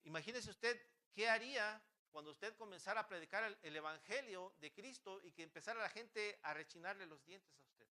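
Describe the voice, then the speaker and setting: Fervent high-voiced man preaching. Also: a little fast, few pauses, pushed and bright. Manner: fervent, rhetorical questions, frequent restarts. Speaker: pastor. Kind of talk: sermon. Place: church.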